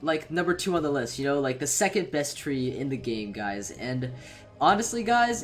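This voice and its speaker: A man giving a casual, rambling game-ranking commentary, full of fillers and swearing, in a playful tone. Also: on the high side. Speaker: gaming YouTuber.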